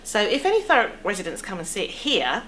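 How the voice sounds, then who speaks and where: A woman's voice: mid-range voice, wildly swooping pitch, fast talker, fairly bright tone. A middle-aged woman with an English accent, explaining things chattily in a casual interview. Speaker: theatre producer being interviewed. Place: indoor theatre foyer cafe seating area. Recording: clear background room noise.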